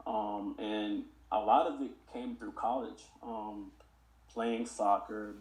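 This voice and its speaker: Speaking with earnest sincerity, a young podcast guest reflects on mentoring kids and recites his own lyrics. His voice is on the low side with a darkish tone, and the reflective, conversational interview was recorded in an echoey room.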